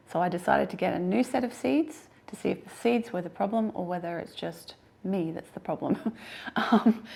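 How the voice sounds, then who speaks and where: Husky-voiced Australian woman, chatty. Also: medium pitch, darkish tone. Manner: chatty, self-deprecating, laughs often. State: hoarse, husky voice today. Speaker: gardening vlogger. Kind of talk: casual talk to camera.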